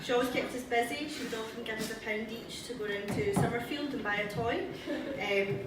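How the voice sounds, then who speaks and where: A young woman giving an informal, anecdotal eulogy in a conversational, halting way to a gathering. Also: on the high side. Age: young adult. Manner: conversational, halting, often breaking into laughter. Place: large echoey room before an audience. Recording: very echoey, distant, crowd noise.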